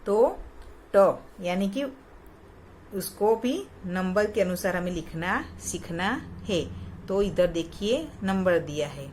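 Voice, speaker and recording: A woman teaching young children in a recorded lesson, patient and repeating each sound with clear stress. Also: fairly low pitch, slow, darkish tone, a little hiss or hum. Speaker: kindergarten teacher.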